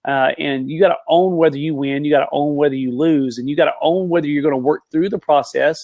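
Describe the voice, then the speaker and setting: A man with a rough, gravelly edge to his voice is in full motivational flow on a live video panel. He talks in folksy, emphatic refrains, and his voice sits close and dry with no room around it. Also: on the high side, fast, no echo, narrow, tinny audio. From rural area (said, country). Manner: preachy, repetitive, emphatic, folksy. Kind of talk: impassioned motivational rant.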